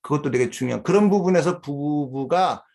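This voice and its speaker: Brief: middle-aged man, gravelly voice, reflective seminar speaker, pauses to think. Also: a little high, darkish tone. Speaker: seminar speaker and father of four. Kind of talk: conversational seminar talk.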